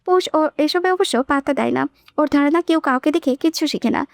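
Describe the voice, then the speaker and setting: A woman's voice: high-pitched, fairly quick, vocal fry, no echo. A woman reading a romantic novel aloud as an audiobook narrator, voicing the characters' lines herself. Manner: reads all characters herself, shifting tone for quoted lines. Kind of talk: scripted novel narration with voiced dialogue.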